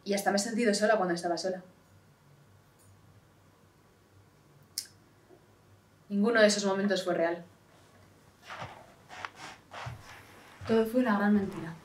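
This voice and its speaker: Actress doing a numb detached young woman, hushed flat talk, mic kinda far off. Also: mid-range voice, very fast, slight background noise, lightly acted. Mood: numb, hollow. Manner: quiet, hushed and detached delivery. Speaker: actress in a stage monologue. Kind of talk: theatrical monologue. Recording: voice from a distant mic.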